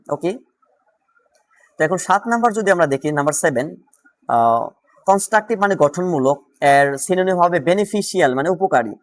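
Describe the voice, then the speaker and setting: A man with a Bangladeshi Bengali accent teaching vocabulary for exam prep, asking questions and answering them himself. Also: fairly high pitch. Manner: drills words with quick question-and-answer; louder and more animated when solving questions.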